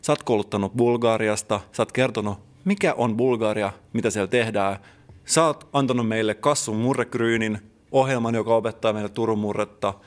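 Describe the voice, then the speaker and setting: A male podcast co-host with a somewhat low voice. He talks casually but puts on a mock-serious, lecturing tone. It is comedic chat between friends. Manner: mock-serious teacherly riffing.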